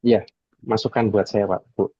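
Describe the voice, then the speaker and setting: A man trainee practicing a polite sales phone call, halting with many hesitations. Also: lowish voice, level tone, warm tone, slightly rough, dry recording.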